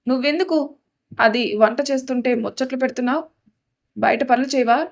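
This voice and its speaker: A woman's voice: high voice, fairly quick. A woman voicing a brusque young husband who scolds and gives impatient orders in an audio story. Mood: scolding.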